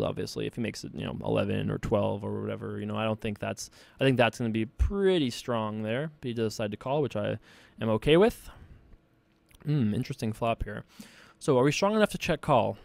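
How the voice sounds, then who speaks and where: A man in a home desk setup talks through his online poker hands in a loose, joking way, filling pauses with "uh" and "you know." His voice sits in a middle register and the sound is dry, with no room echo. It plays as unscripted, casual commentary. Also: mid-range voice, vocal fry. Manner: thinks aloud, relaxed and joking, many fillers. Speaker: poker player and show host.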